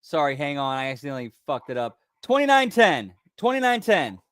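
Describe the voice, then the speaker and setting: A man's voice: a little high, very animated, a little fast, fairly bright tone, clean tone, dry recording, studio quality. A man commenting casually on a film as a reaction host, in informal, slangy speech. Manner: informal, slangy, often says dude and pal.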